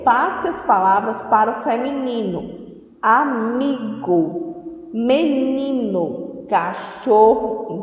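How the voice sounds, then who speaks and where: A woman teaching young children, speaking patiently and repeating words syllable by syllable. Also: a little high. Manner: patient, repeats and spells out words, addresses children with "certo?" and "tá bom?". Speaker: primary school teacher. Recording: echoey room recorded from a distance, dull lo-fi sound.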